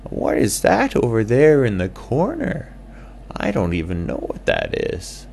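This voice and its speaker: A man voicing a nervous little bat in a bedtime story, in a raised, quick, jittery voice. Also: medium pitch, huge pitch swings, creaky, darkish tone, slight background noise, voice pushed up, exaggerated voice. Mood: curious.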